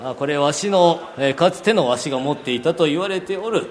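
A man's voice: a little high, animated, fairly quick, natural voice. A man playing a jovial samurai warlord. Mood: guiding. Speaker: costumed guide. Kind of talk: in-character guided tour.

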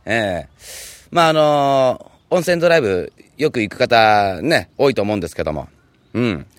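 Lively, animated male radio host. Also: mid-range voice, normal speed, dry recording. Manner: polite, conversational, lightly joking. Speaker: radio show host and reporter. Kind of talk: chatty radio presenting and interviewing.

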